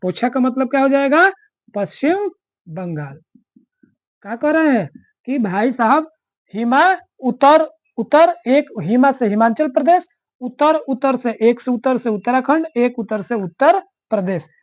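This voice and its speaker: A woman's voice: sits high, expressive, a little slow, a little mellow, no room sound. A woman teaching map mnemonics, who keeps asking the class questions and answering them herself. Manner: drills answers by repeating them.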